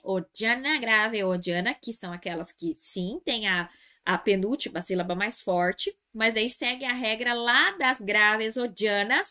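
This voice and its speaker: A woman's voice: on the high side, sharp tone. A Brazilian woman teacher going through an exam review lesson, explaining each point step by step, repeating key terms and calling her students "gente". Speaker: Portuguese language teacher.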